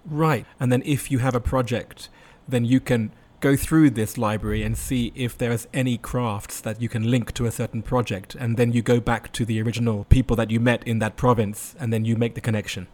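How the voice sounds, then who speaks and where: A man's voice: medium pitch, fairly even intonation, brisk, hardly any pauses, darkish tone. A man hosting a conversational interview, putting questions to a guest. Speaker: interviewer, host.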